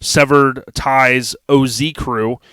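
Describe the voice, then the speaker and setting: An American man hosts a podcast in a relaxed, enthusiastic way, often turning to address his audience directly. His voice sits at a medium pitch and the recording is very dry, with no room sound. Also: takes it slowly, clear, resonant tone, dry recording. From United States. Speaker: podcast host. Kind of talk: casual chat.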